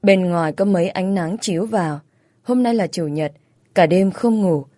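A woman reading a first-person romance story aloud in a steady, plain storytelling manner. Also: fairly low pitch, normal speed, dry recording, studio quality. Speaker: story narrator.

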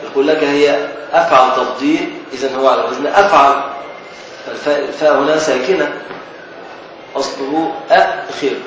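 Egyptian sheikh teaching in an echoey hall. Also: male voice, mid-range voice, fairly bright tone, dull audio. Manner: explains slowly, repeats key words, asks students questions. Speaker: sheikh teaching a classical text. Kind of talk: Islamic scholarly lesson. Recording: echoey distant recording with noise.

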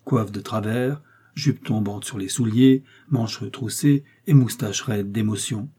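A male narrator reads a classic novel in a measured, steady way. His voice sits low and dark, with a husky edge. The pacing is even and deliberate. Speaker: audiobook narrator.

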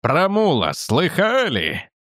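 A man voicing an angry, boastful male guard who shouts and speaks with theatrical scorn. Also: a little high, wildly swooping pitch, slow pace, no echo, clean studio sound, exaggerated voice.

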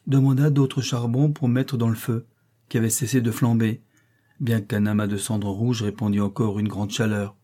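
A man narrating a classic novel as an audiobook, in a measured, steady way. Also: lowish voice. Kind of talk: scripted narration.

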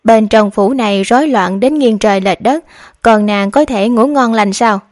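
A woman's voice: on the high side, moderate pace, darkish tone, no echo, clean studio sound, natural voice. A woman voicing a proud, hot-tempered young nobleman who speaks in a curt, commanding way. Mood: angry.

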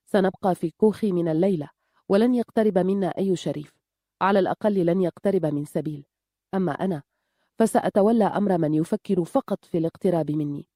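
A woman's voice: lowish voice, fast talker, mellow, no echo, studio quality, natural voice. A woman reading as a grave, weary woman leader. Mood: resolute. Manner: grave, somber delivery.

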